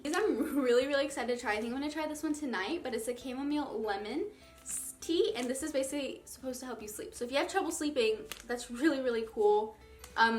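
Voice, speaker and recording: A woman's voice: high voice, a bit bright. A young woman in her twenties chatting casually to camera in a beauty vlog, bubbly and filling her talk with "like". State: out of breath. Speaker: beauty vlogger.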